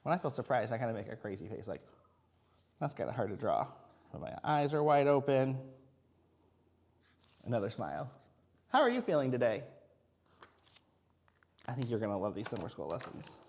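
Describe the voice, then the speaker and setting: A man's voice: mid-range voice, big pitch swings, moderate pace, pauses often, a little mellow, a little hiss or hum. A man teaching a kindergarten video lesson, talking to young children in simple, encouraging language.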